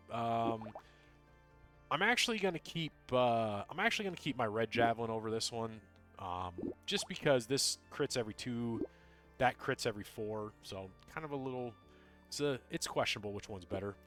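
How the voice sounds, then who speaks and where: A man streaming a video game, chatting casually with viewers; he talks fast, mumbles and rambles with lots of ums and uhs. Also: medium pitch, a bit bright. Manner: tends to mumble and talk fast.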